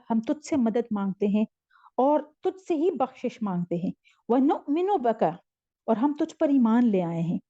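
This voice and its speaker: Woman, religious lesson, slow recitation then patient explanation, fairly high voice, dull dry recording. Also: mellow, dry recording. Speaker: Quran teacher. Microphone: screen-shared online class.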